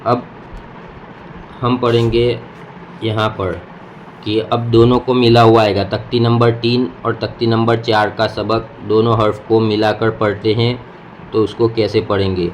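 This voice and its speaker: A man's voice: lowish voice, little pitch movement, poor audio. Man, reading teacher, patient, syllable by syllable, faint background hiss. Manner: patient, repeats syllables one by one. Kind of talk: slow spoken lesson, drilling letter sounds.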